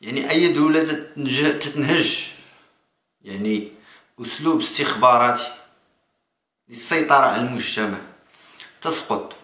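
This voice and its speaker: A man in his thirties with a Moroccan accent, giving spontaneous political commentary to camera in a halting way, repeating and restarting phrases. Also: medium pitch, pushed and bright. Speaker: political vlogger. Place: small indoor room. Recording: echoey room.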